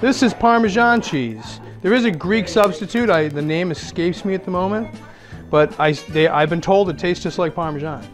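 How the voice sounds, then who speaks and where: A middle-aged host from Massachusetts, with a voice that sits high for a man, cooks for dinner guests in a casual demonstration, talking through the recipe step by step at a normal speed. He is chatty and easygoing, explains as he goes, and laughs at himself, while clear music plays behind him throughout.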